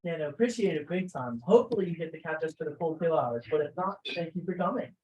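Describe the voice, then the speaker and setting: A man's voice: on the high side, lively intonation, fast talker, darkish tone, slight background noise, rough recording. A man playing in a livestreamed tabletop game, chatting casually and tentatively with many hedges. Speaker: player. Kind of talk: casual chat during a tabletop game stream.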